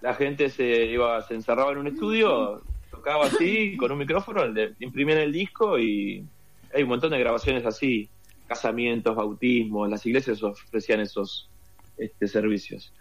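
A man's voice: mid-range voice, lively intonation, moderate pace. An Argentine man with a Rioplatense accent, telling a long story as an interview guest with lots of fillers. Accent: Rioplatense Spanish. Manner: rambling storyteller with many fillers. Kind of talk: casual interview conversation.

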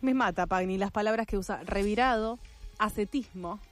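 A woman's voice: mid-range voice, dry recording, soft background music. A woman with an Argentine accent hosting a radio show, chatting casually and irreverently. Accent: Argentine Spanish. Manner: chatty, irreverent, quick asides. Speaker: radio host.

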